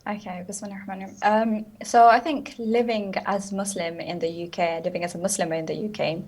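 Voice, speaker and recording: A woman's voice: medium pitch, fast. A woman from Bangladesh, a guest on a TV talk show, speaking thoughtfully and steadily over a video call. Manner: thoughtful, steady, uses Islamic phrases.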